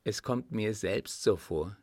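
A man's voice: on the low side, takes it slowly, a little mellow, no room sound, studio quality. A man voicing a young officer with teasing, ironic humour in an audiobook. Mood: calm teasing. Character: young male officer, dryly joking adventurer. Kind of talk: audiobook dialogue reading.

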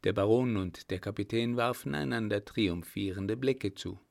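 A man reads a novel aloud as an audiobook narrator, with a steady, measured delivery. His voice sits low and carries a gravelly grain.

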